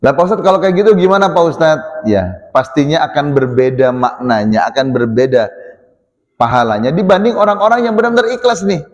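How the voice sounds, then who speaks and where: A man preaching to a mosque congregation. He talks in a lively way, acts out questions from his listeners and slips in jokes. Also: a little high, brisk. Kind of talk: mosque sermon. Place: mosque hall. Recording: long reverb of a mosque hall.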